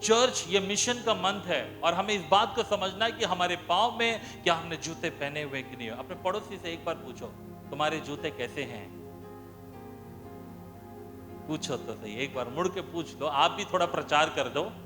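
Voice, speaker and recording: Male pastor from India, high, bright voice, storytelling sermon in church with soft music behind. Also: normal speed, hardly any pauses. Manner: storytelling preacher, asks the congregation questions.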